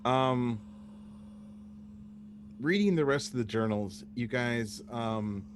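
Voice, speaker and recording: A man narrating a tabletop game as the game master. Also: lowish voice. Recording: noisy voice recording with hum.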